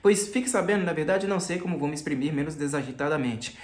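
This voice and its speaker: In an audiobook reading, a man voices a middle-aged magistrate who is insistent, chatty, fawning, and falsely friendly, in a lightly acted performance. His voice is fairly high and fast, with a roomy echo in the recording.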